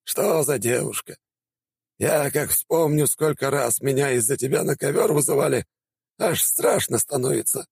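A man's voice: medium pitch, animated, moderate pace, vocal fry, a little mellow, husky, no echo, studio quality, voice pushed up. A man voicing a jovial elderly male teacher in an audiobook, drawling and exclaiming heartily. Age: older. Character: spry old male teacher, jovial and warm.

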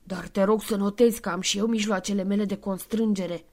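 A woman's voice: medium pitch, steady tone, a little mellow, close to an everyday voice. A woman reading the lines of an indignant, old-fashioned male Santa Claus in an audiobook, brusque and proud. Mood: smug.

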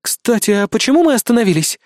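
A man's voice: very high-pitched, sing-song, fast, a little mellow, no room sound, clean studio sound, pitched above the performer's own voice. A man voicing a curious young woman in an audiobook, asking questions in a lightly raised voice.

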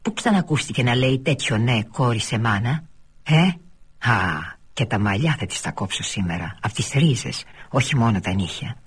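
A man voicing a quick-tempered rural mother, husky and indignant, his pitch raised to play her. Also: expressive. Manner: sharp, indignant questioning.

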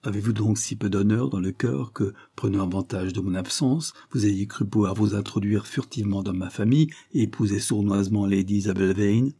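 A man voicing a stern, blunt older earl who questions pointedly, in a husky voice. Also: fairly low pitch, fairly quick, hardly any pauses, dark tone. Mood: stern, probing. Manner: pointed, questioning, rising emphasis.

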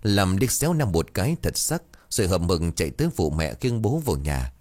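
Lively male storyteller, low voice. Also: brisk. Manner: expressive storytelling. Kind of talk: scripted ghost story narration.

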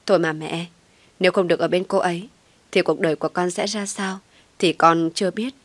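A woman's voice: lowish voice, steady tone, fairly quick, dry recording, lightly acted. A woman voicing a devoted young man who coaxes and pleads in an audio story. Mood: coaxing pleading. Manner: coaxing, pleading.

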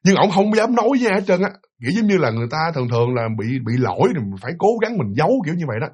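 A man's voice: on the high side, big pitch swings, rapid-fire, darkish tone, husky. A man with a Southern Vietnamese accent casually telling a ghost story, chatty and addressing his listeners directly.

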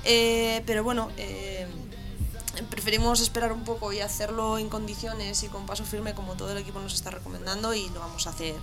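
A woman's voice: mid-range voice, level tone, brisk, over music. A woman from Spain, a band musician guesting on a radio show, talking in an upbeat, playful way. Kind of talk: casual radio interview. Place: radio studio.

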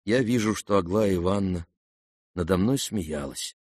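A man voicing a gentle, timid young prince in an audiobook, speaking softly and hesitantly. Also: mid-range voice, animated, vocal fry, breathy edge, dry recording, clean studio sound, heavily acted. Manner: soft, hesitant, halting.

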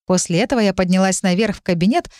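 A woman reading a first-person fantasy audiobook in a lively, expressive way. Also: mid-range voice, fast, no room sound, studio quality. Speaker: audiobook narrator.

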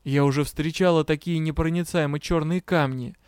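A man reading a fantasy novel aloud as narrator, with a steady storytelling delivery. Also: fairly high pitch, normal speed, clear, resonant tone, dry recording, studio quality. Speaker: audiobook narrator. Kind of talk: scripted narration.

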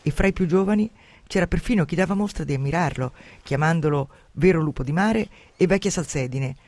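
A male radio host retells a classic adventure story with lively, dramatic commentary, slipping between summary and reading. His voice sits a little higher than most men's. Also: a little fast, dry recording. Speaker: radio host presenting a novel.

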